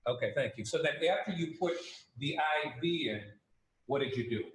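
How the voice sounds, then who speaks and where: A man questions a witness in a courtroom recording, steady and methodical. His voice sits slightly high and carries the echo of a large courtroom. He keeps his questions measured and orderly. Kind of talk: courtroom examination.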